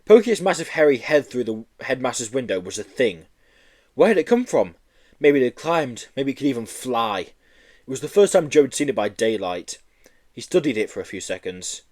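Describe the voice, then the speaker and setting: A man reading a children's book aloud in an animated storytelling manner. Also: mid-range voice, moderate pace. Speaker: audiobook reader. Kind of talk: storybook narration.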